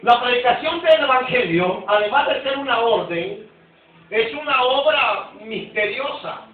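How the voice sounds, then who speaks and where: A Nicaraguan pastor teaches in a very high, emphatic voice, restarting phrases and urging the congregation to repeat after him. He sounds far from the mic in a big echoing church hall. The recording is thin and phone-like. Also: animated, a little slow. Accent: Nicaraguan Spanish. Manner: emphatic, calls for congregation responses. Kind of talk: Sunday school teaching sermon.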